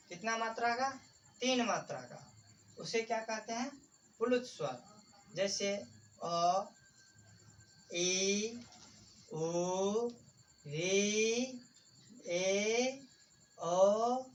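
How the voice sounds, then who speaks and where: A man's voice: sits high, fairly bright tone. A man teaching grammar in a video lesson. He asks questions and answers them himself, repeats key points, and calls his listeners friends. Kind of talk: classroom-style video lesson. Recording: distant mic with faint background noise.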